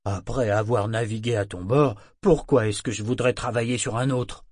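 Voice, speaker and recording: A man doing a gruff, husky sailor. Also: medium pitch, steady tone, moderate pace, no room sound, clean studio sound, lightly acted. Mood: bluff. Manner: coaxing, then bluff and forceful. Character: burly male sailor, gruff and falsely cheerful. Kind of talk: audiobook character reading.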